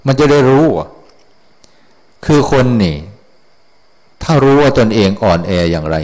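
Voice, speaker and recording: A Buddhist monk giving a casual dharma talk, blunt and folksy, often drifting off the point. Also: male voice, mid-range voice, very animated, unhurried, a little mellow.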